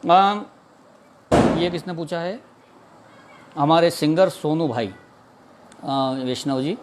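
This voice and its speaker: A man's voice: a little high, slow, a little hiss or hum. A man from India, a snake catcher, earnestly explaining in an informal talk, repeating himself and mixing in English words. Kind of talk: informal talk answering a viewer's question.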